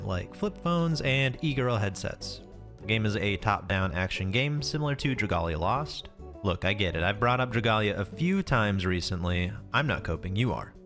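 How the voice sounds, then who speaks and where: Low-voiced man, casual game commentary over music. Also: fairly bright tone. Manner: informal, wry, swears casually. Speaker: YouTube game preview host. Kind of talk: casual scripted video commentary. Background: music behind the voice.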